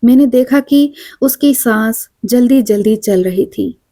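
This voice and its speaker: A woman narrating a short story as an audiobook, measured and quiet. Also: fairly high pitch.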